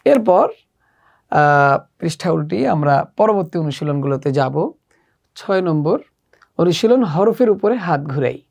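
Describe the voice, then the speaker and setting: A woman teaching children the Arabic letters, slowly and patiently working through a workbook one exercise at a time. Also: sits low, lively intonation, creaky, darkish tone. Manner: slow, patient step-by-step instruction. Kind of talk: workbook lesson walkthrough.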